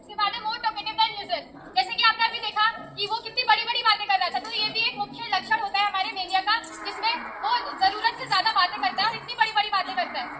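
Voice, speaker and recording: A woman's voice: very high voice, fairly even intonation, quick pace, hardly any pauses. A young woman with an Indian accent presenting as a nursing student in an educational street play, projecting her voice. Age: young adult. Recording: distant, echoey, very noisy crowd.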